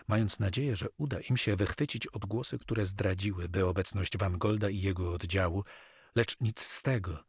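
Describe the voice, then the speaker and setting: A man narrating an adventure audiobook in a steady, measured way. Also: fairly low pitch, slightly rough, no room sound, clean studio sound. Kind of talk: scripted narration.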